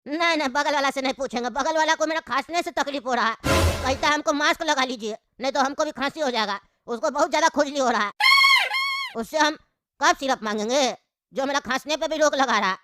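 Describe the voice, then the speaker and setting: A woman's voice: high voice, fairly quick, background noise, close to an everyday voice. A woman voicing a coughing, grumbling old father. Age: older. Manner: grumbling, coughs, rambling complaints. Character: old coughing father with a chest cold, complaining. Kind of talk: cartoon voice acting.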